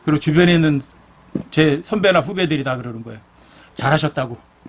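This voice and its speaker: A man's voice: a little high, lively intonation, quick pace, slight background noise. A middle-aged man, a pastor, preaching a blunt, earnest sermon full of personal stories.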